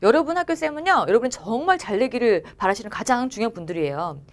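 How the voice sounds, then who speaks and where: A woman's voice: fairly high pitch, expressive, quick pace. A young woman teaching at a cram school, giving a motivational talk to exam students and coaxing them along with frequent check-ins. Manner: coaxing, often asks "알겠죠?" and acts out students' and teachers' lines. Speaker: academy teacher.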